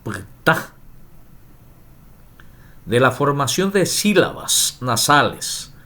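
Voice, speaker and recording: A man giving a spelling lesson, reading rules and examples aloud slowly and deliberately. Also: medium pitch, expressive, a bit bright. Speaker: teacher.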